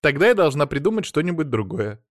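A man's voice: fairly high pitch, sing-song, fast talker, no room sound, studio quality, voice pushed up. A man voicing a silly, childish, vain young wife in a pouty, wheedling voice.

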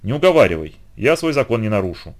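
A man voicing a wise, gentle old male centaur in an audiobook, speaking quietly and gravely. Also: lowish voice, very animated, fast talker. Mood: grave sorrow.

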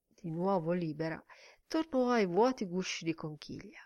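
A woman reading a literary novel aloud as audiobook narration, measured and deliberate. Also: lowish voice, a little mellow, no room sound, clean studio sound. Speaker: audiobook reader.

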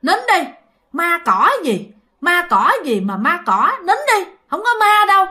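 Woman putting on a shrill old grandmother. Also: sing-song, unhurried, bright, forceful tone, exaggerated voice. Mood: hushing. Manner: repeats soothing orders insistently. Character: old grandmother, stern and hushing.

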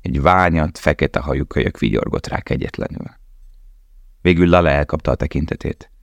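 A man reading a novel aloud in a calm, measured way. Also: a bass voice, vocal fry, no room sound. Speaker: audiobook narrator. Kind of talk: scripted narration.

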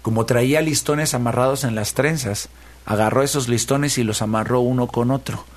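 A man telling a folk tale in a lively, playful way, building rhythm through repetition. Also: medium pitch, moderate pace. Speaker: storyteller. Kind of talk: animated folk-tale storytelling.

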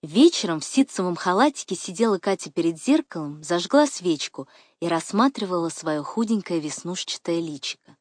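A woman narrating an audiobook in an expressive, intimate way. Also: fairly low pitch, normal speed, dry recording, clean studio sound.

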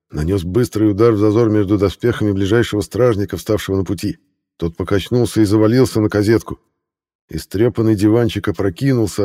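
Deep-voiced male audiobook narrator. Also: warm tone.

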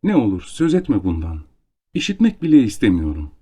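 A man voicing a gentle, anxious young countess with a lifted, pleading voice. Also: on the low side, wildly swooping pitch, a little fast, slightly rough, heavily acted.

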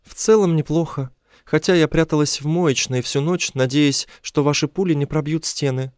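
A man's voice: fairly high pitch, normal speed, darkish tone, dry recording, clean studio sound, voice pushed up, natural voice. A man doing an emotional young woman captive. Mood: complaining. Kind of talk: audiobook character voice.

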